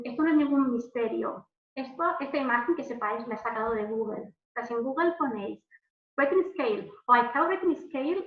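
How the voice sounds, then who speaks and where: A woman from Spain, giving an informal online lesson as a language examiner, chatty, with many fillers and restarts. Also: high voice. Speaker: language proficiency examiner and teacher. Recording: phone-like audio in an echoey room.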